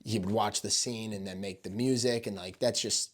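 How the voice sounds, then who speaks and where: A man's voice: lowish voice, fairly even intonation, moderate pace. A man, a video creator, answering questions in an informal, rambling and enthusiastic way with plenty of swearing. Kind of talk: casual Q&A chat.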